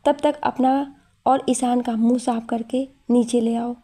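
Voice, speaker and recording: A woman voicing a caring young woman of the household in a story, speaking gently and affectionately. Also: a little high, steady tone, measured pace, breathy edge.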